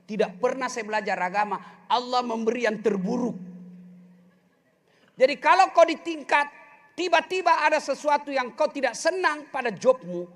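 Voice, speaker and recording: Male preacher, middle-aged, high and expressive, comic sermon delivered straight to the crowd. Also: normal speed. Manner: animated, joking, addresses the congregation directly. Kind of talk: humorous sermon.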